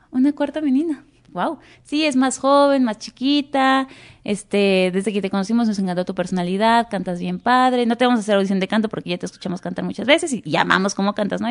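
A young Mexican woman tells stories from her acting career. She speaks in a Mexican Spanish accent with lively energy and acts out the people she quotes in full dialogue. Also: on the high side. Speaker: guest actress. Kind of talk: casual interview storytelling.

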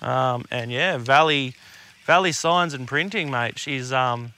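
An Australian man co-hosts a podcast, chatting casually in laid-back, blokey tradesman style full of slang and swearing. His mid-range voice is slow, pushed and bright, yet smooth.

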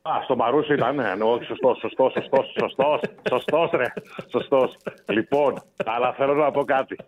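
A man's voice: medium pitch, slight background noise. A man calling in to a sports radio show, speaking in an earnest, chatty way. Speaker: caller. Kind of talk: casual phone-in chat. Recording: tinny phone line.

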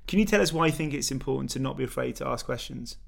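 Gravelly man asking relaxed questions. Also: mid-range voice, very fast. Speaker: guest interviewer. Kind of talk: casual conversation.

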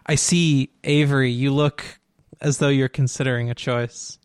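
A man's voice: medium pitch, steady tone, moderate pace, clear, resonant tone. Teasing male game master. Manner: dry, teasing while explaining rules. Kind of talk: running a tabletop game session.

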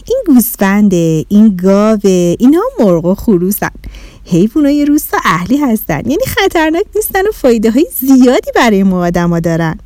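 A woman voicing a cheerful, polite young village girl in a children's story, eager and quick to explain. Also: mid-range voice, sing-song, a little mellow, no echo, lightly acted.

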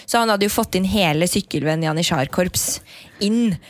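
A woman telling stories in casual chat as a podcast co-host, animated and quick to break into loud laughter. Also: fairly low pitch.

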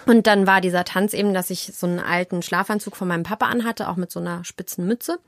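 An actress and audiobook narrator, appearing as an interview guest, answers casually and chattily with playful self-irony, telling stories animatedly. Her voice is fairly low with fairly even intonation, and she talks fast. The recording is dry and studio quality.

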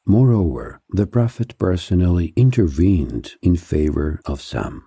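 Guy narrating history from a script, really dark mellow voice, kinda husky, steady and measured. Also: very deep voice, no echo, studio quality. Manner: measured, even reading with slowed, stressed lists.

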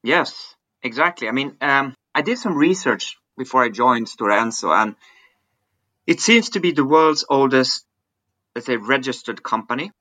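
On a podcast, a Swiss man in his forties who works as a digital business executive answers interview questions thoughtfully, often repeating words while he hunts for the right phrasing. His medium-pitched voice has lively intonation and a moderate pace, sounding pushed and bright with no room sound.

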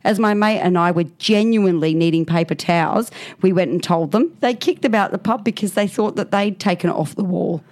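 A podcast co-host with a medium-pitched, slightly mellow voice talks briskly with few pauses. She reads stories aloud on a chat show, laughing often and doing gruff impressions of bouncers.

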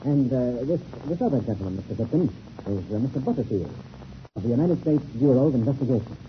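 An actor playing a steady, fatherly adventurer with a coaxing, emphatic manner in an old-time radio serial. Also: medium pitch, fast, natural voice. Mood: friendly. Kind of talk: 1930s radio serial acting. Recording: tinny, noisy old radio recording.

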